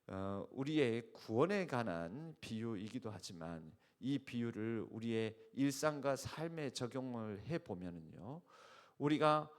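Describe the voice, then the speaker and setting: A male pastor preaching an early-morning sermon, emphatic and explanatory, often putting rhetorical questions to the congregation. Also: medium pitch. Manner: uses spoken fillers and restarts while explaining.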